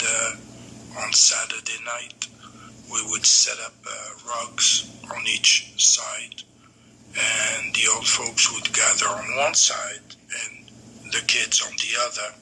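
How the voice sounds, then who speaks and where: A Morocco-born man in his seventies recalls his childhood for his grandson over a video call, unhurried and pausing often on "uh". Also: mid-range voice, level tone, vocal fry, bright, forceful tone, a little hiss or hum, low-quality recording. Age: 70s. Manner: unhurried reminiscing, pauses often on "uh". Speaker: grandfather being interviewed. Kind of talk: remote family interview.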